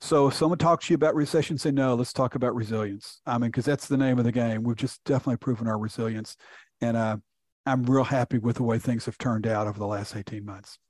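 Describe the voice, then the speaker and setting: A man's voice: medium pitch, fairly even intonation, quick pace, darkish tone, no echo, clean studio sound. A middle-aged man from Houston, a chief economist, explaining reports in a conversational podcast interview with frequent restarts. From Houston, Texas.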